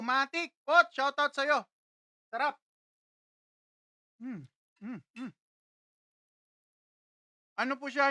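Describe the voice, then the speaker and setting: A woman hosts a casual live stream from a studio, greeting viewers by name one after another and tasting dishes on camera. Her voice sits high and bright, and she speaks at an unhurried pace. The sound is dry and close, with no room echo.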